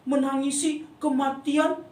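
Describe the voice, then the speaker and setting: A woman, a Sunday school teacher, telling a Bible story to children in an animated way and acting out the voices. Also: high voice, unhurried. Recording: echoey room, from a distance, faint noise.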